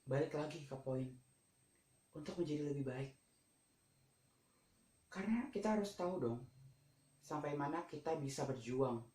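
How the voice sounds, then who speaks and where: This student vlogger, a teenager, fronts a school vlog in a loose, emphatic style, regularly posing questions to whoever is watching. The medium-pitched voice is mellow and expressive, moving at a normal speed with long pauses, and the room echoes.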